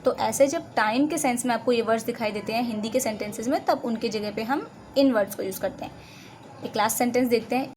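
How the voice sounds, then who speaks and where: Indian woman teacher going over grammar, voice on the high side, faint hiss behind her. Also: fast, a little mellow, poor audio. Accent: Indian English. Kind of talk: explaining lesson in Hindi with English examples.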